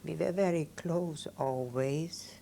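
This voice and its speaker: An Austrian woman in her seventies, German her first language, gives oral history testimony as an interviewee in a Viennese German accent. She speaks slowly in halting, simple phrases, her voice deep, creaky and dark, with a little hiss or hum.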